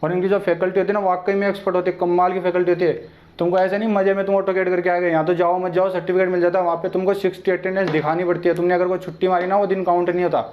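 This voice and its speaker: Young man, online tutor, chatty and direct, high voice, flat delivery. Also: rapid-fire. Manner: chatty, addresses viewers directly and familiarly. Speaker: online exam-prep teacher. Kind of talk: casual informal lecture. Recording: dull lo-fi sound.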